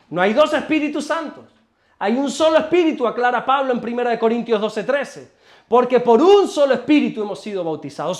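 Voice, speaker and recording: Man, pastor, Spain Spanish accent, emphatic sermon delivery, lots of repetition. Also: very high-pitched. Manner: emphatic, repeating phrases, rhetorical questions. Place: church before a congregation.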